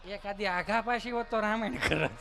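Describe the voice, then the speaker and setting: Man, middle-aged, high bright voice, lively comic storytelling. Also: fairly quick, creaky, soft background music. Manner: animated, mimics mothers and children with put-on voices. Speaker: stand-up storyteller. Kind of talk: Gujarati folk comedy monologue.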